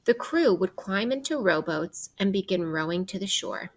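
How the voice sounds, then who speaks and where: In this interactive children's read-aloud of a nonfiction book, a female teacher speaks with slight rasp and animated pitch. Her delivery is expressive and guiding, full of questions and pauses for young listeners.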